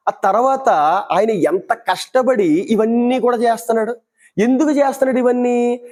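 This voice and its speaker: A man's voice: very high voice, normal speed, darkish tone. A man giving Bible teaching, asking rhetorical questions and acting out everyday dialogues to make his point.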